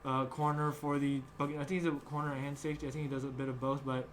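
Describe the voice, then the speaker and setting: A young man hosts a casual sports chat podcast, talking fast in a flat, medium-pitched voice. He rambles with lots of fillers and restarts, and there's a slight hiss or hum in the audio.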